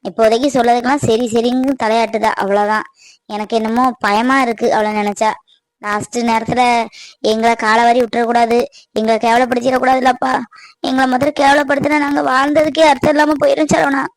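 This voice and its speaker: Woman voicing a high, pleading village mother. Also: flat delivery, brisk, dry recording, close to an everyday voice. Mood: worried. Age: middle-aged. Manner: earnest, pleading, tearful. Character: anxious middle-aged village mother, pleading aunt. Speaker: voice actor. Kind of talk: cartoon voice acting.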